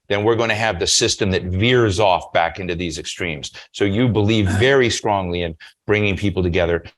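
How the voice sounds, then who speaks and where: A very deep male voice leading an onstage interview. He asks long, winding questions, circling back and restarting as he builds to the point. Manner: rambling questions full of restarts and fillers. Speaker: moderator. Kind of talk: onstage interview at a dinner event.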